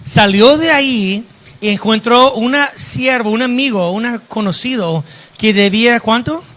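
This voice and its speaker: Pastor guy preaching, really high voice, keeps checking in with the crowd. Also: measured pace. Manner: animated preaching with direct questions to the congregation. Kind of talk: sermon.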